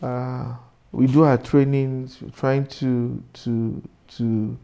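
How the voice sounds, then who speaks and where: A man answers interview questions as a real estate agent. He talks through the sums one example at a time, and his voice is dark and mellow. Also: medium pitch, little pitch movement, slow, creaky. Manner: explains step by step with examples.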